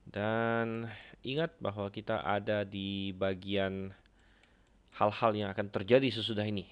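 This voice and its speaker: Low gravelly man teaching an online class. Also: level tone, lo-fi sound. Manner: unhurried, with many fillers and hesitations. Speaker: Bible teacher. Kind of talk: online Bible class lecture.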